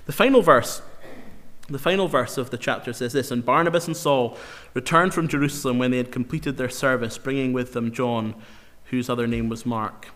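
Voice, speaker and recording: A man preaching a sermon in an earnest, emphatic way, slowing down to repeat key phrases for weight. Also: mid-range voice, fairly bright tone. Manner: earnest, emphatic, with slow dramatic repetitions. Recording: long hall reverb.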